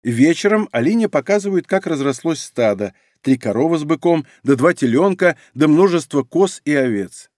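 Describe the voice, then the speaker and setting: A man narrates a novel with an expressive, dramatic reading. His voice sits a touch high for a man. The studio sound is dry and close. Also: moderate pace, hardly any pauses, no room sound. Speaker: audiobook narrator. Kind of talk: scripted narration. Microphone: studio microphone.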